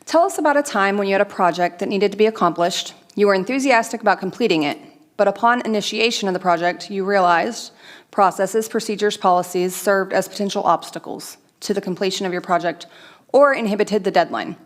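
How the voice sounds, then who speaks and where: A woman's voice: mid-range voice, fairly quick. A woman on an interview panel reading a prepared question aloud. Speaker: council member on interview panel. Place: indoor council chamber.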